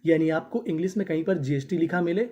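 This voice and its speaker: A man teaching a class, spelling words out slowly syllable by syllable and repeating them, asking questions and answering them himself. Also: fairly high pitch, a little mellow, muffled recording. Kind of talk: classroom-style language lesson.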